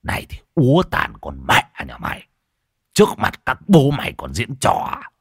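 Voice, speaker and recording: A man playing a brash young exorcist who taunts and threatens spirits in a gruff, fast voice. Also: mid-range voice, huge pitch swings, no room sound, clean studio sound, voice pushed up, exaggerated voice. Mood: menacing. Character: brash young male exorcist, cocky and rough.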